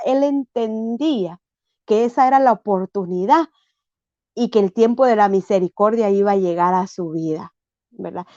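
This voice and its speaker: High-voiced woman preaching a sermon. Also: a little mellow, no echo, highs cut off. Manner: preaching with frequent tag questions and dramatized quotes.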